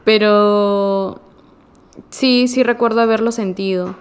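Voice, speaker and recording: A woman's voice: mid-range voice, steady tone, takes it slowly, clear, resonant tone. A woman in a casual chat, giving short affirmations and musing reflectively.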